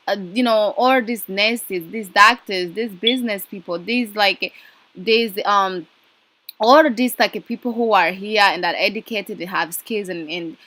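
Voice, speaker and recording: A young woman from East Africa speaks in a casual vlog, earnest and impassioned, leaning on "like" and "you know". Her voice is bright and forceful. The sound is close and dry. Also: medium pitch, no echo, rough recording. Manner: earnest, passionate, many fillers like "you know". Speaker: vlogger. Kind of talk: casual direct-to-camera monologue.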